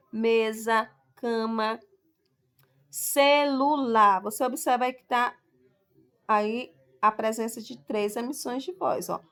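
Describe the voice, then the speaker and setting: A woman teacher with a slightly high voice explains her lesson patiently, one step at a time. She slows right down on each example word and keeps checking that her class follows along. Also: gravelly. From Brazil. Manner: explains step by step, stresses example words slowly. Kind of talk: recorded school lesson.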